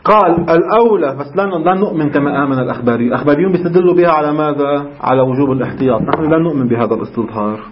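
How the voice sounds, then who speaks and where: Man, seminary teacher, brisk, answers his own questions, muffled lo-fi recording. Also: on the high side, background noise. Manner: asks rhetorical questions and answers them himself. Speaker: religious teacher. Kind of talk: seminary lecture in colloquial Levantine Arabic.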